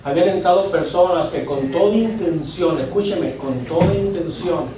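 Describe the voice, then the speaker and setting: A man preaches a sermon in a high voice, pausing often and letting his voice sink at the close of each line. He sits well back from the mic in a church hall with heavy echo. A faint hum of room noise runs underneath. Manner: preaching with pauses, dropping his voice at line ends. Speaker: pastor. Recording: very echoey church hall from far off.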